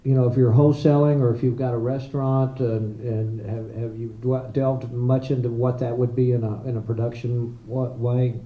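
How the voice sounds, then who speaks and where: Man, competition judge, friendly and halting, thin phone-like sound, hall echo. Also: mid-range voice, level tone. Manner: friendly, halting, restarts words. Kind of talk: questioning a contestant.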